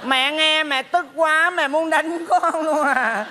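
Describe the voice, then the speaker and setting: A man putting on a nagging high-voiced mother. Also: steady tone, sharp tone, a little hiss or hum, heavily acted. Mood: scolding. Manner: nagging, slow, scolding. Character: scolding middle-aged mother visiting her son. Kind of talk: stage comedy sketch. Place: theater stage.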